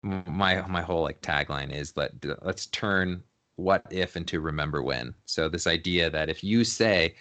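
A man's voice: sits low, moderate pace, sharp tone. A man being interviewed as a photographer, talking in a laid-back, slangy way and laughing often. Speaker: photographer guest. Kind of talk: casual interview chat.

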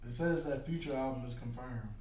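A man's voice: mid-range voice, brisk, a crowd in the background. A young man co-hosting a podcast, goading his friends in casual slangy banter. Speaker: podcast co-host. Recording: echoey noisy room, off-mic.

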